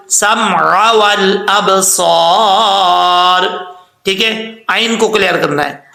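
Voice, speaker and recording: A patient male recitation teacher explains the rules and then stretches each phrase out slowly. His voice sits high and bright, and a gravelly rasp runs under it. The sound bounces around a roomy, echoey space. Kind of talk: tajweed lesson with recitation.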